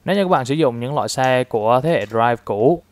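A man's voice: mid-range voice, expressive, a little fast, a little hiss or hum. A man from Vietnam casually reviewing a toy, explaining it step by step with frequent fillers.

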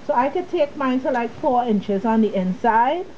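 A woman with a cold, sniffling, gives a chatty, easygoing step-by-step sewing tutorial, speaking straight to the viewer. Her fairly high voice is expressive and dark-toned at a moderate pace, with a faint hum of room noise and the highs cut off.

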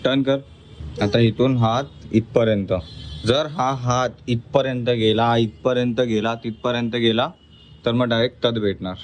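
A man's voice: mid-range voice, flat delivery, unhurried, a little hiss or hum. A man vlogging about his family, talking to viewers while firmly coaxing and teaching his small child at mealtime. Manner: coaxing and firm, teaching a toddler.

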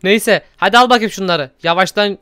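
A man narrates a Minecraft role-play quickly and theatrically, scolding and sighing as he goes. His voice is crisp and clear. It is recorded close on a desk mic in a dry, dead room. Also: high-pitched, sharp tone, no room sound. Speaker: gaming youtuber host.

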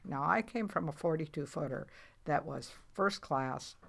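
This low, slightly bright voice belongs to a veteran commercial fisher in her eighties, speaking a little slowly and expressively with some vocal fry. She rambles matter-of-factly through her story in a casual interview, frequently starting over.

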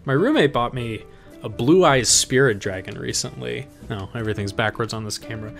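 Brief: young male tutorial host at home, mid-pitched, chatty, lots of ums and restarts. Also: a little fast, creaky, fairly bright tone, soft background music. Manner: rambling, filler-heavy, self-correcting. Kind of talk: casual screen-recorded software tutorial. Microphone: home desk microphone.

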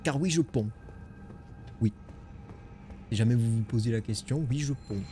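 A man with a French accent commenting casually on a game stream, excitable and swearing, joking with his chat. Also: medium pitch, moderate pace. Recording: music behind voice.

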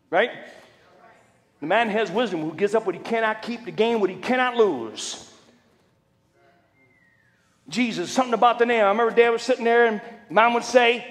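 A middle-aged man preaching a testimony sermon as a preacher and fire chaplain, loud, shouting at times and joking. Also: high-pitched. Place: large church hall. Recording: long hall reverb.

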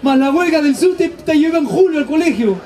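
A man's voice: extremely high pitch, lively intonation, quick pace, darkish tone, some chatter behind, slight background noise. A man doing a stand-up comedy monologue, telling stories animatedly and acting out his family's voices. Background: audience laughter.

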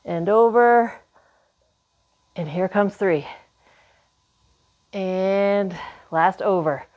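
A woman's voice: mid-range voice, extremely slow, highs cut off. A woman in her forties coaching exercise, counting workout reps in short, encouraging cues while exerting herself. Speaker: fitness instructor. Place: indoor home workout room.

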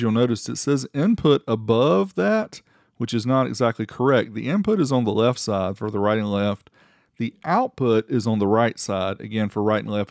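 A middle-aged American host of a car audio amplifier review channel gives a casual voice-over review, leaning into playful, showy emphasis. His voice is medium-pitched and darkish, the recording studio-quality and echo-free, with music faintly in the background.

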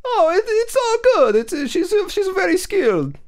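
A man putting on a high-pitched voice with a fake Italian accent, playing a little girl's father as a joke. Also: very animated, moderate pace. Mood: goofy.

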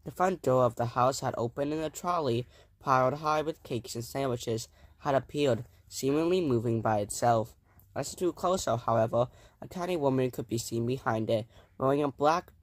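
A man reading a children's book aloud in a plain, steady storytelling voice. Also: medium pitch, moderate pace, dry recording. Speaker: reader.

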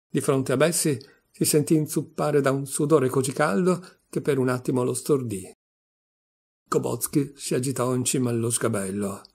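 A man reading a literary short story aloud with steady, measured narration. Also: medium pitch, vocal fry, slightly rough. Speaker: audiobook reader.

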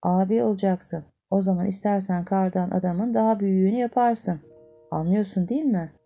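A woman voicing a gentle, affectionate mother who patiently soothes her young son in a storybook. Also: mid-range voice, fairly even intonation, fairly quick, vocal fry, faint music behind. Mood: tender.

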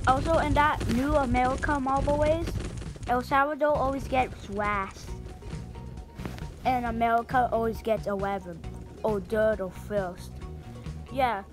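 A woman casually commentating a marble race video in a rambling, chatty way, with sudden excited shouts. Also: on the high side. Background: background music.

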